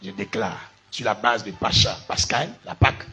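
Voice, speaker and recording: A man's voice: on the low side, expressive, normal speed, sharp tone, slightly rough. A man with an Ivorian French accent preaching a sermon, spelling out words letter by letter and asking his listeners if they follow. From Côte d'Ivoire. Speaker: pastor.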